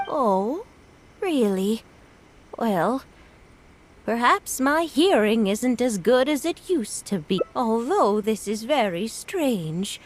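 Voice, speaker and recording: A woman voicing a gentle, grateful elderly grandmother in a video game, speaking earnestly and without hurry. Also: fairly high pitch, sing-song, takes it slowly, exaggerated voice. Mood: grateful, kindly. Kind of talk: English game voice acting.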